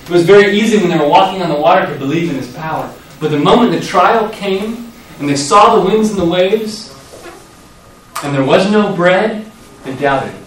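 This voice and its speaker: A man preaching a sermon, telling the story vividly and acting out the quoted lines with sudden loud rises. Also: sits high, expressive, moderate pace, slight background noise. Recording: echoey hall, voice from far off.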